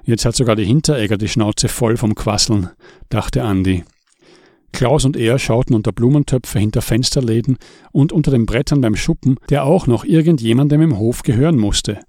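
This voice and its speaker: A man narrating an audiobook in a calm, measured way. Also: mid-range voice, no room sound, studio quality.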